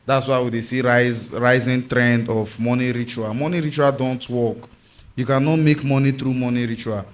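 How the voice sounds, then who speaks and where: A man's voice: medium pitch, steady tone, normal speed, a little hiss or hum. A man with a Nigerian accent hosting a discussion in English mixed with Pidgin. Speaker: podcast host.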